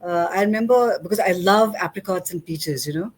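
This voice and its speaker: A woman's voice: fairly low pitch, fairly quick. A middle-aged woman hosting a casual interview chat, talking in a chatty way with many fillers and restarts. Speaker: host.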